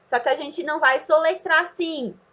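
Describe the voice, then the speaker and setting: A young woman, a student teacher, patiently demonstrating a classroom activity and drawing out words slowly as if for a child. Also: high-pitched, a bit bright. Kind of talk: instructional demonstration. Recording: slightly dull lo-fi sound.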